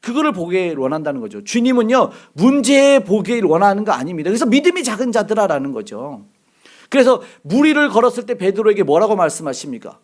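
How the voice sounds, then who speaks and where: A middle-aged male pastor preaching a sermon, lively and acting out the voices he quotes. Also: high voice, fairly quick.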